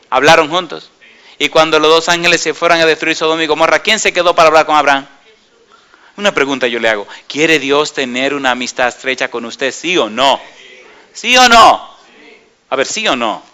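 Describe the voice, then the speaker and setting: Guy preaching a sermon, bright kinda high voice, keeps asking the crowd questions. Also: steady tone, a little fast, clean tone. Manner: emphatic, asks the congregation questions; swings from soft murmurs to raised exclamations.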